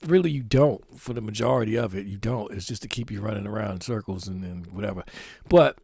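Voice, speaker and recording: This man, from Philadelphia in the United States, has a lowish, gravelly voice that is a little mellow and husky, and he talks fast. In a casual talk to the camera, he describes his clothing designs in a Philadelphia accent, leaning on street slang and "you know what I'm saying" constantly, captured at studio quality with no room sound.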